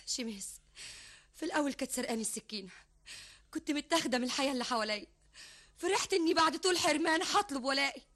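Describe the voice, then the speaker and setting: A weary, wistful wife in an Egyptian radio play. She speaks high and quick, with quiet insistence. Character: weary wife Kawthar, longing to leave. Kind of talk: classic Egyptian radio drama acting.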